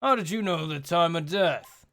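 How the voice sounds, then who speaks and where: A man reading a blunt, skeptical game detective in his own everyday voice, with a creaky edge. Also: a little high, lively intonation, moderate pace, fairly bright tone. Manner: read plainly in the performer's own voice.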